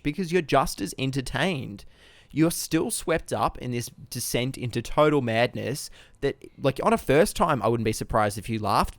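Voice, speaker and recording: A man's voice: fairly high pitch, no room sound. A man co-hosting a casual comedy film podcast, reading out ratings with a playful, teasing manner and laughing along. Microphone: podcast mic, remote recording.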